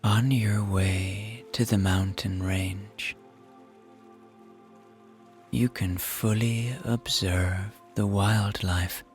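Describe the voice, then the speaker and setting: Soft music and the sound of rain accompany a man's scripted guided meditation meant to relax listeners. His low, hushed voice stays very even and extremely slow, calm and soothing from start to finish.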